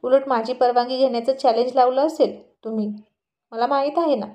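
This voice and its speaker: A woman's voice: high-pitched, fairly even intonation, a little fast, warm tone, close to an everyday voice. A woman reading a story aloud and voicing a shy young wife who sulks and pleads with her husband. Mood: sulky. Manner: pleading, sulky.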